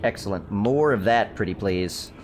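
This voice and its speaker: A man's voice: fairly low pitch, lively intonation, moderate pace, slight background noise. A young man chatting casually while streaming a survival game, rambling through stories and answering his chat. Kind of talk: casual gameplay commentary.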